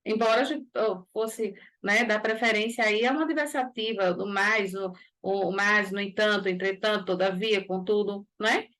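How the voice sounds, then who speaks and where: Her voice mid-range and fairly bright, a Brazilian Portuguese-accented woman teaches exam-prep grammar at a moderate pace with fairly even intonation. She walks through each step and keeps checking in with tag questions.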